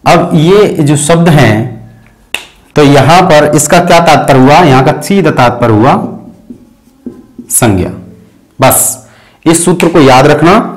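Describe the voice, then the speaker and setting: A man's voice: on the high side, faint music behind, low-quality recording. Patient man explaining grammar rules. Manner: patient, breaks terms into parts, many fillers and "thik hai"; chants sutras slowly and softly. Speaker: Sanskrit grammar teacher. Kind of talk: explanatory lesson.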